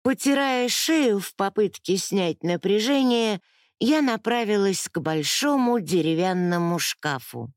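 A woman narrating a novel in first person with measured, even storytelling. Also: mid-range voice, dry recording, clean studio sound. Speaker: audiobook narrator.

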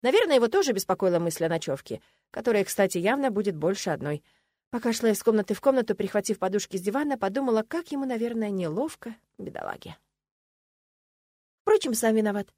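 A woman reading a fantasy novel aloud in the first person, telling it in an expressive, wry way with lively swings in pitch. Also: quick pace, no echo, clean studio sound. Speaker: audiobook narrator.

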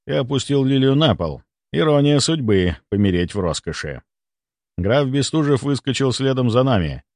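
A man's voice: mid-range voice, no room sound. A man narrating a first-person audiobook in a dry, sardonic manner.

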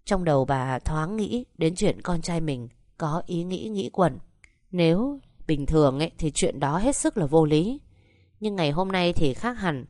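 Low-voiced woman reading a story. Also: lively intonation, measured pace, a little mellow, no echo, studio quality. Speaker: narrator. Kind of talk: storytelling narration.

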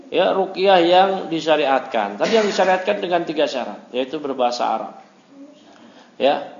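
A man with an Indonesian accent giving a religious study lecture, talking in a lively, conversational way and throwing in rhetorical questions. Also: a little high. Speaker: Islamic teacher. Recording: echoey, dull amateur lecture recording.

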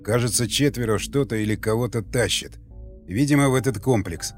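A man voicing a gruff, wary squad commander who gives curt orders. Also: mid-range voice, fairly quick, faint music behind, lightly acted. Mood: tense.

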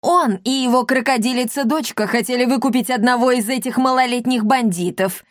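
A woman reading a story aloud, voicing a loud, bullying middle-aged female commandant who shouts and mocks. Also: fairly quick, dry recording, studio quality, close to an everyday voice. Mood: spiteful. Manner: shrill, shouting, mocking.

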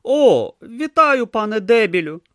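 A man's voice: big pitch swings, measured pace, dry recording, clean studio sound. A man voicing a timid, naive young male novice monk, anxious and flustered in an audiobook. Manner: anxious, flustered, high and breathless. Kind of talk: audiobook character voice.

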